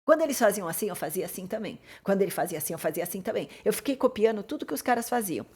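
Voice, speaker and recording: A Brazilian woman with a Brazilian Portuguese accent, a life coach telling a personal story in an animated, expressive way. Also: very fast, breathy edge. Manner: animated and expressive, pitch and loudness swinging as the story builds.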